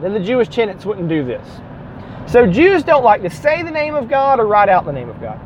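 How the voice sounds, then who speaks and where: A man's voice: high-pitched, highs cut off, a little hiss or hum. A man with a Southern US accent giving a classroom lecture on the Bible, explaining step by step, spelling out letters and correcting himself as he goes. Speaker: Bible teacher.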